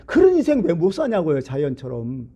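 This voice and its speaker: A man preaching a Sunday sermon as pastor, talking conversationally and asking the congregation questions, jumping between loud emphasis and hushed asides. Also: a little high, huge pitch swings, brisk, highs cut off.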